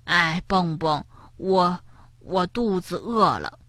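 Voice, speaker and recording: A woman voicing a clumsy, stubborn young male frog in a storybook reading, soft and mumbling. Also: mid-range voice, normal speed, no echo. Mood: sheepish.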